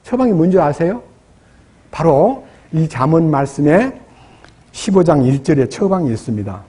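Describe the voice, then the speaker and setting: A man delivers a sermon in a church, questioning his listeners and dropping into acted prayers. His voice sits high for a man and carries a husky, breathy edge. He speaks as a pastor addressing his congregation. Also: sing-song, moderate pace, warm tone.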